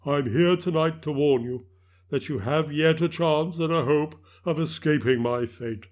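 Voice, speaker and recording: A man's voice: a little high, normal speed, lightly acted. A man voicing the anguished ghost of a dead miser, wailing and declamatory. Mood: warning.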